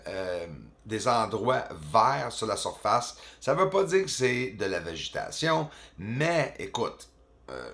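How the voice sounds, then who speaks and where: A man whose native language is English, speaking French with a Quebec accent as a channel host, giving casual, animated commentary over video footage. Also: mid-range voice. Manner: animated, exclaiming, chatty, peppered with filler words.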